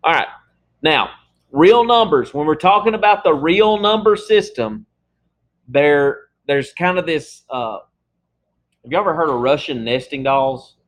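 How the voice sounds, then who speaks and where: A man's voice: fairly high pitch, animated, measured pace. A man teaching a math class in a casual, conversational lecture, checking in often with his students. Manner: casual, talks through examples with frequent "okay?" checks.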